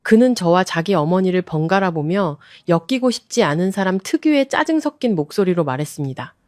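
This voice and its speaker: Female narrator for a radio drama story; calm, firm, measured delivery, slightly low. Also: no room sound, studio quality.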